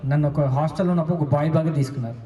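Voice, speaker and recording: A man's voice: a little high, very fast, mellow. A man, a former national volleyball player, giving an earnest motivational speech with a personal story, mixing in English phrases. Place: school event hall. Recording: echoey hall, voice from far off.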